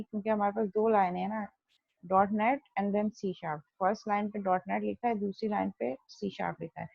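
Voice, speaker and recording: A woman programming teacher with a creaky, medium-pitched voice gives an explanatory online coding lesson in Hindi-Urdu mixed with English terms. She teaches step by step, asking and answering her own questions, in a dull, dry recording.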